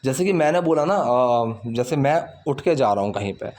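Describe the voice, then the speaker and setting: A young man teaching English in Hindi, patiently explaining grammar and reading English sentences slowly and carefully. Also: medium pitch, expressive, a little mellow. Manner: explains patiently, repeats and translates phrases, reads English lines slowly. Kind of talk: Hindi-language English lesson.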